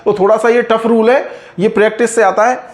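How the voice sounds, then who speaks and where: High-voiced man teaching grammar. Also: fairly even intonation. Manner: patient, repeats and stresses example words slowly. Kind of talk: explaining a lesson.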